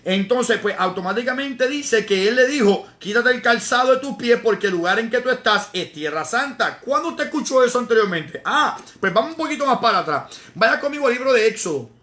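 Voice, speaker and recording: A man's voice: very high voice, animated, a little fast, hardly any pauses, pushed and bright. A male evangelist teaching from the Bible in a live stream, emphatic, repeating words for stress and reading verses aloud. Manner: greets viewers by name in between. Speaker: evangelist preacher.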